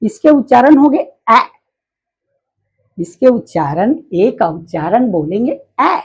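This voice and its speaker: A woman teaching letter sounds in a slow, repetitive way, often asking the listener questions. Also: fairly high pitch, sing-song, darkish tone, husky, low-quality recording. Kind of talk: phonics lesson.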